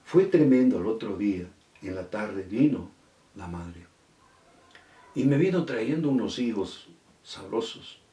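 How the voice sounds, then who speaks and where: A man's voice: fairly low pitch, lively intonation, a little slow, long pauses, dark tone. A middle-aged male pastor preaching a sermon, telling a story and quoting the people in it. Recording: echoey room from far off.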